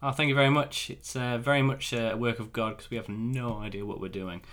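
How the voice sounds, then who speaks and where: A man hosting a live podcast interview, relaxed and hesitant with many fillers. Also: mid-range voice, a little fast, crowd noise. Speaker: podcast host. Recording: background music under voice.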